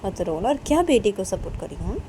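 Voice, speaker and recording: A woman's voice: medium pitch, very animated, quick pace, mellow, slight background noise, natural voice. A woman voicing a middle-aged mother who coaxes and soothes with repeated questions. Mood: soothing. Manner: coaxing and repetitive.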